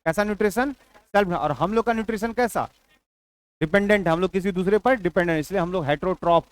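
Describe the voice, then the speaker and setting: A man's voice: high voice, fast, clean tone, no room sound. A male teacher giving an exam-prep biology lecture, repeating key points and dictating notes, asking and answering his own questions.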